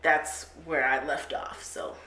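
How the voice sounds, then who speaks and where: A woman's voice: low voice, fairly even intonation, slow pace, pushed and bright. A young woman, chatting casually as a beauty vlogger and giggling easily. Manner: chatty, giggly, drawls slang. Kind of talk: casual chat. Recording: echoey room with faint noise.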